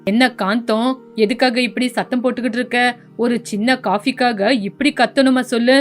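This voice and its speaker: Brief: firm reproving older father-in-law, put on by a woman, deep lowered voice, storybook. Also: fairly even intonation, normal speed, faint music behind, natural voice. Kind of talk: storybook voice acting.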